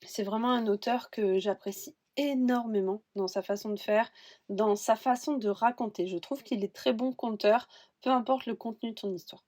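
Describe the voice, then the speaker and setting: A woman's voice: on the high side, fairly even intonation, moderate pace, darkish tone. Woman, book vlogger, chatty, rambling, casual talk. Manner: rambling, chatty, admits she talks too much. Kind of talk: casual chat about books.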